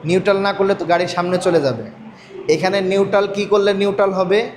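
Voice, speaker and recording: A man teaches a reading class, his voice sitting high for a man. He drills his learner patiently, asking each question again and again. A faint hum of the room sits under his voice. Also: fairly even intonation, a little fast. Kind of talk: call-and-response reading lesson.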